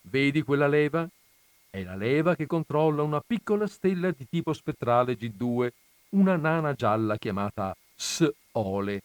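A man voicing a relaxed alien father who explains things in a chatty way. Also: mid-range voice, normal speed, clean tone, no room sound, close to an everyday voice. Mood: explaining. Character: alien father, many-armed cosmic controller, easygoing.

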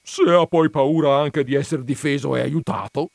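A nagging old housekeeper, as a man puts her on in a storybook, snapping back with sharp retorts. Her voice sits high and loud. The sound is dry and close. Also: moderate pace, gravelly, dry recording. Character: sharp-tongued housekeeper, older woman.

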